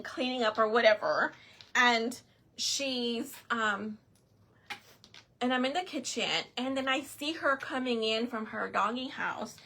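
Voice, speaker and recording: A middle-aged woman tells a long, rambling story in a loose vlog style, circling back and piling up fillers as she goes. Her voice sits a little high, with a bright, forward tone. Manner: chatty, rambling, lots of fillers and restarts. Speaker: vlogger. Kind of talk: casual storytelling.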